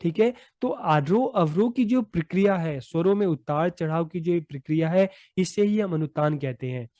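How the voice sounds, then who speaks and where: A man with a fairly high, mellow voice gives a patient lesson. He goes over his points more than once, recorded close on a dry mic. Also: animated, normal speed, no room sound. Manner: patient, repeats points with "theek hai". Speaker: teacher. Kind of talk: explanatory lesson.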